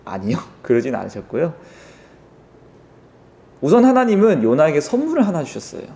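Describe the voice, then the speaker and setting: A young man giving a children's sermon, telling the story in an animated way and addressing the kids directly. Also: on the high side, brisk, vocal fry. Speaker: children's ministry pastor.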